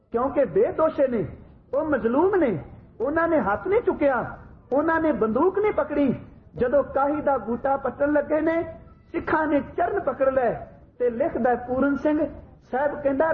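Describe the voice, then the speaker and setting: A man telling a storytelling sermon as a preacher. He speaks straight to his listeners and slows down to chant lines of scripture. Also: very high-pitched. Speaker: Sikh religious preacher. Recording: tinny phone-like sound with faint noise.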